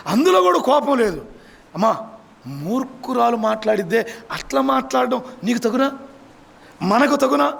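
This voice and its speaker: Pastor, man; high, lively delivery with a gravelly, husky edge; drills the congregation with questions. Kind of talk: sermon. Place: church.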